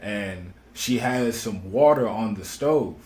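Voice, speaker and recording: A man's voice: lowish voice, expressive, slow pace, a little mellow. A man recounting events in a casual podcast discussion, full of "you know" and street slang. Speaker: guest commentator.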